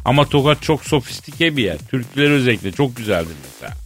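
A man hosting a radio comedy show, telling a rambling tall tale in a deadpan way, in a studio. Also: mid-range voice, fast, husky, soft background music. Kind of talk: comic storytelling.

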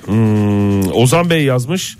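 A man's voice: lowish voice, lively intonation, extremely slow, a little mellow, smooth, faint music behind. Dry-humored male radio co-host. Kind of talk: joking radio banter, reading listener messages.

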